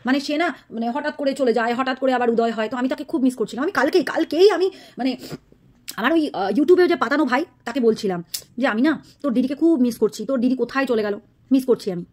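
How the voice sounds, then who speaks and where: A woman's voice: high-pitched, expressive, racing, a little mellow. A woman, a vlogger ranting to the camera in a scolding, mocking tone. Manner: scolding, mocking, insulting a rival. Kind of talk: angry direct-to-camera rant.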